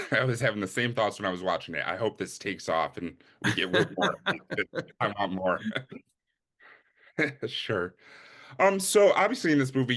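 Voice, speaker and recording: A man's voice: fairly low pitch, fairly bright tone. A man interviewing in a casual, enthusiastic and agreeable way.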